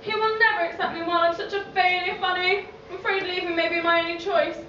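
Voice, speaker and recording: A woman's voice: extremely high pitch, fairly even intonation, fast, pushed and bright. A woman playing an earnest, hapless young Victorian male student in a stage pantomime, declaiming naively. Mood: earnest, forlorn. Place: on stage in a theatre hall. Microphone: distant camera in the audience. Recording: echoey theatre, distant camera, dull, noisy.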